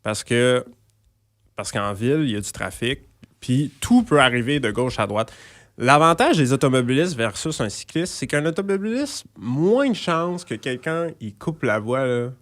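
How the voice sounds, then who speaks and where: A man's voice: mid-range voice, very animated, moderate pace, fairly bright tone. A man with a Québécois accent talks in a mid-range voice about cycling in traffic. He speaks thoughtfully and hesitantly, restarting his sentences as he searches for words in loose podcast chat. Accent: Québécois French. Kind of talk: casual podcast discussion.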